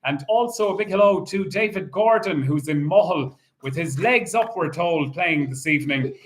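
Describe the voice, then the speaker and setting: A man with an Irish accent hosting as a bingo caller, announcing in a measured, formulaic way. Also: on the high side, lively intonation, heavy background noise. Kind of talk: bingo calling, numbers digit by digit.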